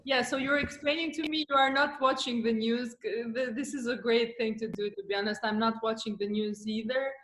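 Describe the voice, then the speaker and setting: A woman's voice: a little high, steady tone, brisk, few pauses, fairly bright tone, reverberant, a little hiss or hum, poor audio. A woman with an Albanian accent interviewing a guest over a video call, hesitating often with fillers. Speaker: interviewer, business coach.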